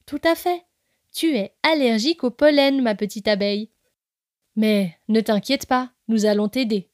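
A woman's voice: a little high, normal speed, no room sound, studio quality, lightly acted. Woman doing a kindly father squirrel. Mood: reassuring. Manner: gentle, reassuring.

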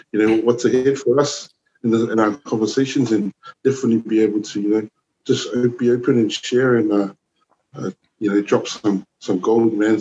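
A man in his forties from New Zealand, a youth worker chatting as a podcast guest, relaxed and rambling with lots of "you know" and "man". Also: fairly low pitch, lo-fi sound, slight background noise. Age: 40s. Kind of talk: casual conversation.

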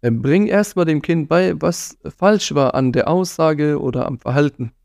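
A man's voice: on the high side, moderate pace, vocal fry, a little mellow, no echo, clean studio sound. A man giving an earnest religious talk on parenting, admonishing his listeners and sprinkling in Arabic phrases. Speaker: preacher.

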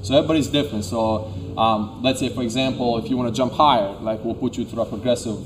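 A man's voice: mid-range voice, fairly even intonation, quick pace. A man from Serbia, speaking as a fitness trainer giving casual, conversational interview answers. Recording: clearly noisy room ambience.

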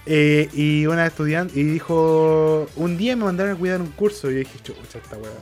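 A man's voice: on the high side, moderate pace, darkish tone, soft background music. A young Chilean man co-hosting a podcast, telling a story in casual chat, acting out the quotes, swearing and laughing often. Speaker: podcast co-host.

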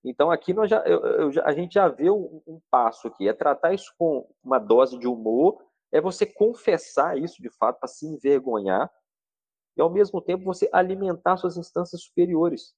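A man's voice: a little high, animated, normal speed, darkish tone, husky, no echo. A man talking as a therapist guest on a podcast, urging listeners in a fervent, preacher-like way. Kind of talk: earnest podcast talk.

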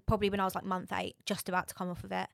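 A woman's voice: medium pitch, little pitch movement, very fast, gravelly, no room sound, clean studio sound. A woman talking casually and informally as an interview guest. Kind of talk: casual chat.

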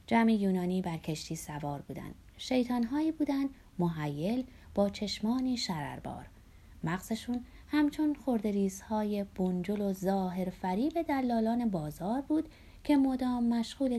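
Softly breathy woman reading an audiobook. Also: mid-range voice. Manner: soft, breathy, half-whispered reading. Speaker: audiobook narrator. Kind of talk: literary audiobook narration.

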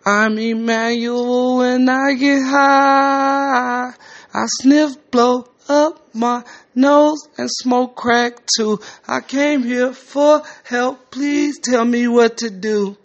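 A man voicing an erratic man in his late thirties who rants and bursts into high, drawn-out singing. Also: flat delivery, highs cut off, close to an everyday voice. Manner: bursts into a put-on posh British voice and off-key singing.

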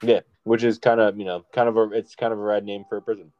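A man's voice: fairly low pitch, level tone, fast talker, darkish tone, lo-fi sound, soft background music. A man co-hosting a casual podcast about a movie, rambling with lots of ums and restarts. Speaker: podcast co-host. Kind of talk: casual movie-discussion chat.

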